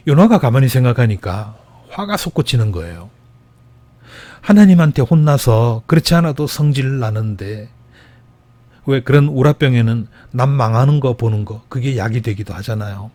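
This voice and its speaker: Storytelling Korean pastor, dark husky voice. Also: male voice, medium pitch, no echo. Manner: storytelling preacher, acting out quoted voices with rising emphasis. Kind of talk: sermon. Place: church.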